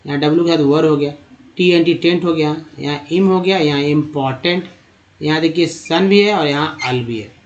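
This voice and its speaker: A man teaching a spoken lesson over slides. He explains step by step, repeats words slowly and calls his viewers friends. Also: fairly high pitch, dull audio. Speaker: English teacher.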